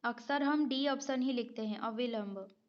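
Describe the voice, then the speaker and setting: A woman's voice: a little high, moderate pace, muffled recording. A woman teaching a Hindi spelling exam-prep lesson, going methodically through multiple-choice questions, repeating each word and checking with her students.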